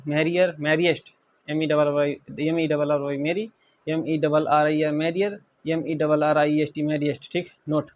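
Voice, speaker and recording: Man from India, English grammar teacher, fairly high voice, spells words aloud, checks in with students. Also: dull audio, slight background noise. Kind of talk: classroom lecture.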